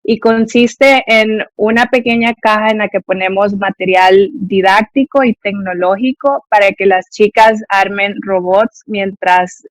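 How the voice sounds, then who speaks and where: 20s woman walking thru her project, steady, some ems, dry close mic. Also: medium pitch, a little slow, few pauses, no room sound, poor audio. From El Salvador. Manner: steady, explanatory, with soft fillers. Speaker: guest, education project founder. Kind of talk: conversational interview.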